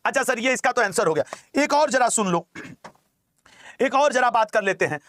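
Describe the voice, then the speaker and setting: A man's voice: extremely high pitch, animated, moderate pace, a bit bright. A man teaching an exam-prep class in a teasing, chatty way, repeating key terms, with a regional lilt.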